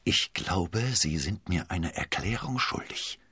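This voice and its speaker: Jealous, agitated king in a storybook reading, voiced by a man: hoarse, forceful. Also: sits low, expressive, takes it slowly, no room sound, clean studio sound, heavily acted.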